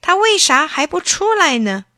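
A woman voicing a cheerful, impatient little boy in a children's storybook reading, exclaiming in a high voice. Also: big pitch swings, normal speed, sharp tone, dry recording, studio quality, exaggerated voice. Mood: eager.

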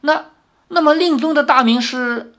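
A reader voicing an old woman, an elder who questions a young stranger sharply and then warms to him with formal, old-fashioned courtesy. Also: high-pitched, moderate pace, voice pushed up. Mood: puzzled. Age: older. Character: stern then kindly old woman, elder of a hidden sect.

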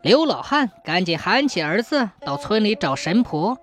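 Expressive woman telling a ghost story. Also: medium pitch, music in the background. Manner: measured, suspenseful, expressive. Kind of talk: scripted ghost story narration.

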